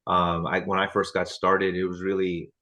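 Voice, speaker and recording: A man in his thirties leads a team training over a video call in a loose, chatty way, full of fillers and restarts. His low voice is monotone and sharp in tone, moving at normal speed.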